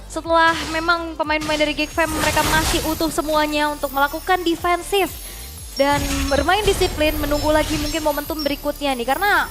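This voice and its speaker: Female esports commentator, high voice, match analysis over loud music. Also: fairly even intonation, fairly quick.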